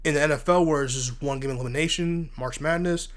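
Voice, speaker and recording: Fast-talking and on the higher side, this solo sports host sounds stuffed up from asthma and allergies. He's animated and blunt in his casual commentary, and when he gets worked up his words trip and repeat.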